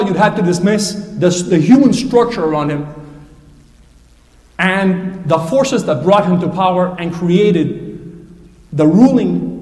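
Man debating in a lecture hall, pointed and academic, high voice, roomy echo. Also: a little mellow. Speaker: debate speaker. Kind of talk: formal critical debate remarks. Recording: echoey hall, distant mic.

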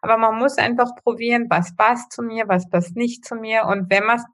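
A woman's voice: on the high side, steady tone, moderate pace, fairly bright tone. Earnest woman host, lifestyle coach. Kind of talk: casual conversation.

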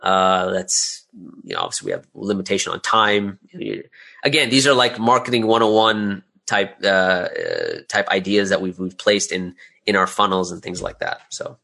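Speaking at a moderate pace, another take on the audio drama creator and business owner has a low, creaky voice with a sharp edge. As an interview guest he describes his business informally, frequently repeating words as he works out what to say.

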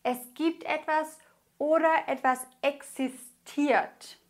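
A woman from Germany teaches a grammar lesson with a high voice. She speaks slowly and enunciates each word with care, like a patient teacher. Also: steady tone. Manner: slow, carefully enunciated explaining. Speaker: Spanish teacher.

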